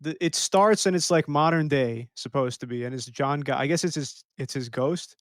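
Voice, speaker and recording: A man co-hosting a casual movie-review chat, stumbling and restarting as he rushes to explain. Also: medium pitch, dry recording, clean studio sound. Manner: halting, restarts often, fast-talking. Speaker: podcast co-host.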